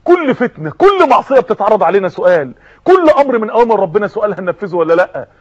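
Egyptian guy preaching, fired up, quick, husky voice on a dull lo-fi recording. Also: high voice, very animated. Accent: Egyptian Arabic. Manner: impassioned, dramatic, addresses audience directly. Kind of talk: sermon.

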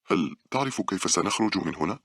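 A man's voice: low voice, lively intonation, fast talker, dry recording, studio quality, pitched above the performer's own voice. A man reading aloud, voicing an impatient, frightened young woman who talks sharply to her friend. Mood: wary. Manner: snappy, sharp, exasperated.

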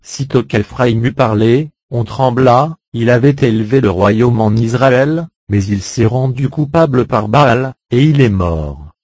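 A man reading a Bible chapter aloud in a measured, solemn way. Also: medium pitch, a little mellow, no room sound. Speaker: Bible reader. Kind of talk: scripted scripture reading.

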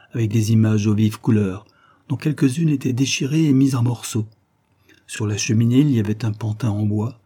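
A man reading a literary story aloud in a measured, even narrating voice. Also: medium pitch, breathy edge. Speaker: audiobook reader.

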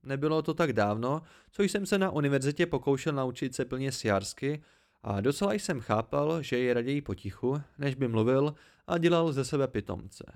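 A man with a gravelly, creaky voice reads an audiobook aloud. He tells the story calmly in the first person, at a middle pitch. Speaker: audiobook reader. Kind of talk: amateur audiobook narration.

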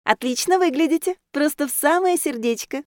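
A woman's voice: moderate pace, dry recording, studio quality, natural voice. A woman voicing a cheerful, bubbly teenage girl dressed as a mouse, talking in a chirpy, eager way. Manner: chirpy, eager, high-pitched.

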